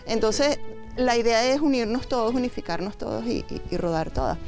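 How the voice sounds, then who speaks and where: A Venezuelan woman who founded a women's biker group chats in a casual interview, telling stories vividly and acting out the quoted voices. She speaks a little fast in a voice on the high side, with soft music in the background.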